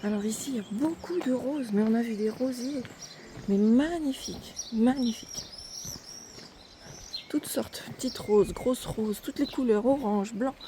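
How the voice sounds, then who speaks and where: A woman's voice: fairly high pitch, normal speed, few pauses, warm tone. Woman on a mountain trail, chatting away while walking, windy outdoor noise. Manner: chatty, narrating while hiking uphill. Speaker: pilgrim vlogger. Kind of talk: casual walking vlog narration. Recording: outdoor wind and ambient noise.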